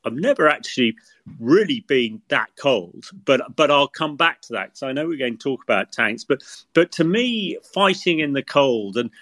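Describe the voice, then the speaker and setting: A man's voice: mid-range voice, lively intonation, normal speed, a bit bright, no echo. A middle-aged British man giving expert recollections in a podcast interview, speaking outdoors from a freezing rooftop. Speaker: guest military expert, former tank commander. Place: outdoors on a garage roof in snow.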